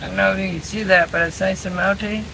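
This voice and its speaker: A woman's voice: medium pitch, steady tone, fast, gravelly, a bit bright, slight background noise. A middle-aged woman chatting casually in a camping vlog, laughing between remarks, filmed outdoors in a backyard by a tent. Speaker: camping vlogger. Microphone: camera on a stand at a distance, later phone at arm's length.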